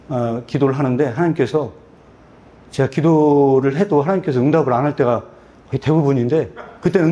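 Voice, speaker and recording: 솔직하게 이야기하는 굵고 어두운 목소리의 남자. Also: male voice, medium pitch, mellow. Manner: candid, storytelling with self-deprecating humor. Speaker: book translator and publisher. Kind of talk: personal testimony at a book talk. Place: church hall.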